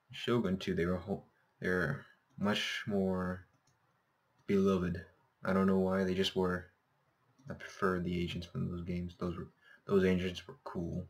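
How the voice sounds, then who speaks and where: A man with a slightly scratchy, sore-throated voice commentating casually on a game, thinking aloud and correcting himself. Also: low-pitched. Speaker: gameplay host.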